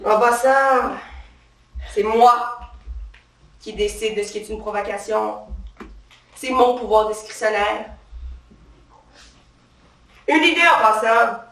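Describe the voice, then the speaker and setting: Speaking slowly with long pauses, a woman with a fairly high, bright voice plays a swaggering, trigger-happy female police officer who is touchy and power-proud. It's a satirical comic monologue by a stand-up character performer, recorded from far off on a theatre stage with roomy sound.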